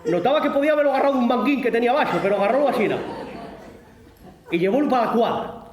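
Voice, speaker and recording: A man with an Asturian accent telling a comic folk tale in an earthy, animated way. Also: extremely high pitch, rapid-fire, reverberant, crowd noise. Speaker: storyteller.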